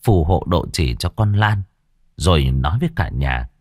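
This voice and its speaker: A man narrating a spoken story in a measured, expressive way. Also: rumbling low, no room sound, clean studio sound.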